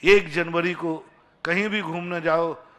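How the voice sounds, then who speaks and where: Fairly high-voiced monk preaching. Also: male voice, steady tone, slow, a bit bright. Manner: pleading, repetitive exhortation with dialogue-like anecdotes. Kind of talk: sermon.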